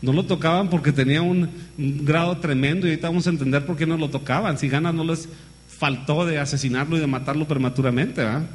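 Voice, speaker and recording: A fast-talking man with a voice on the high side preaches a lively sermon. He calls his listeners brother, "hermano," and fires off many rhetorical questions.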